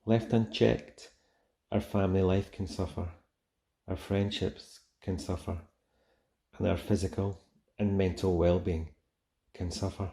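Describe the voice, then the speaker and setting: A man guiding a relaxation meditation in a soft, soothing, gentle manner with long pauses. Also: sits low. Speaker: meditation guide. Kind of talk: guided relaxation meditation, soothing scripted narration.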